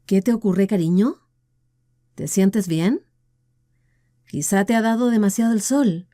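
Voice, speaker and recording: A woman narrator plays a concerned husband checking on his pale wife, solicitous and brisk. Her voice stays mellow and Latin American Spanish, close and dry. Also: mid-range voice, dry recording, natural voice. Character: worried husband, caring and brisk.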